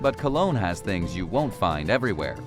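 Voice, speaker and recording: A man's voice: deep voice, big pitch swings, normal speed. A man reading scripted narration as a voice-over for a travel documentary. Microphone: studio voice-over. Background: background music.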